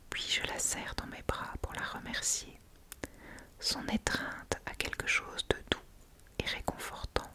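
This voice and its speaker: A reader narrates a novel for ASMR in a soft whisper. The delivery stays hushed and breathy, as if whispered in a library, with the voice almost entirely unvoiced. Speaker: audiobook-style reader.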